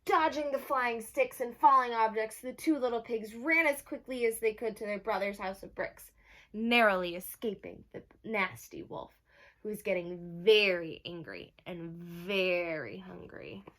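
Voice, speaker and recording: A woman storyteller reads a storybook to children expressively, at a measured pace and medium pitch. She adds asides and asks her young listeners questions, and the recording is rough.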